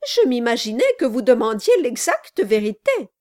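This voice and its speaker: A woman's voice: fairly high pitch, sing-song, moderate pace, a little mellow. A woman doing a curt, impatient old mother-in-law.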